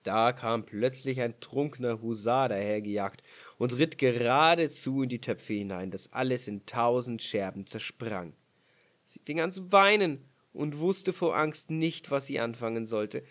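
A man narrating a fairy tale aloud in a measured, expressive storytelling voice. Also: mid-range voice.

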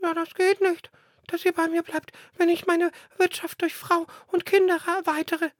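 A man voicing quarrelsome young sparrows in a squeaky, breathless chirping voice. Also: little pitch movement, no echo, clean studio sound. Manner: hurried and quarrelsome. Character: squabbling young male sparrows, cocky and shrill.

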